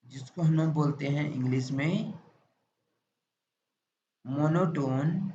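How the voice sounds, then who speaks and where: A man with an Indian accent teaching a maths lecture in a classroom, repeatedly asking questions and answering them himself in a drawn-out explanatory way. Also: on the high side, dark tone. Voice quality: repetitive, drawn-out explanatory delivery. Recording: echoey, muffled classroom recording with faint noise.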